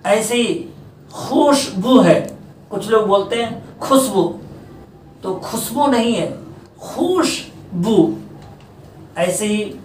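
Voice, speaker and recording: A male teacher giving a pronunciation lesson to students, repeating each word slowly to set the right form against the wrong one. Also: sits high. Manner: deliberate, repeating words to contrast right and wrong forms. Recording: roomy, distant mic, faint background noise.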